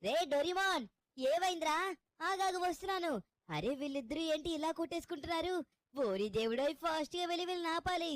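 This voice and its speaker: A woman's voice: very high voice, lively intonation, quick pace, no room sound. A woman voicing a sassy little girl who scolds and lectures dramatically in a cartoon-style game dub. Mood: worried.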